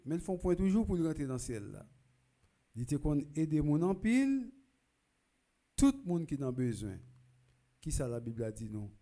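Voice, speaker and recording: A man with a Haitian accent, a priest reading the gospel and giving a funeral homily in a church, measured and rising to loud proclaiming calls. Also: medium pitch. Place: church during a requiem mass.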